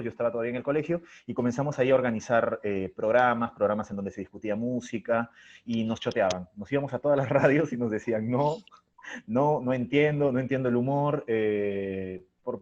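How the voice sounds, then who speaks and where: Heard through dull, low-fidelity audio, a middle-aged Peruvian man from Chiclayo talks in a mellowish, mid-range voice with a Peruvian Spanish accent. He is a theatre artist being interviewed, giving reflective, conversational answers full of anecdotes.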